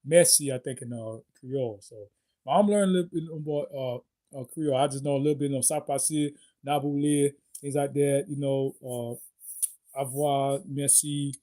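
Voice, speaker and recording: A man hosting his own video, giving a loose, halting sign-off and often stopping to search for words. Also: mid-range voice, fairly even intonation, mellow. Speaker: video host. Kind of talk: casual vlog sign-off.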